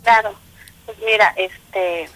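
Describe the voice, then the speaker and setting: A middle-aged small business owner from Mexico City, speaking with a Mexican Spanish accent, tells her story as a guest on a casual call-in interview over the telephone. She's chatty, with lots of fillers and laughter. Her mid-range voice is slow and sharp with fairly even intonation, and the audio is poor.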